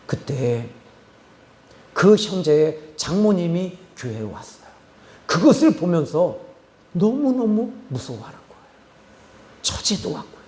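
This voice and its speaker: A man's voice: sits high, big pitch swings, a little slow, pauses often, a little mellow, reverberant. A man pastor preaching a sermon as dramatic storytelling, drawing out words for emphasis.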